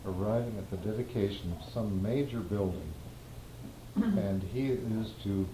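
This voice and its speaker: A man in an interview, relaxed and telling anecdotes. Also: on the low side. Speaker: interview participant. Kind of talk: conversational storytelling. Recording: roomy, hissy old tape.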